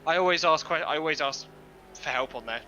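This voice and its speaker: Bright-voiced man chatting mid-race on a headset. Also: on the high side, a little fast, dull audio, soft background music. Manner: self-deprecating, swears casually. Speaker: streamer and sim racing driver. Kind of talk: casual chat while racing.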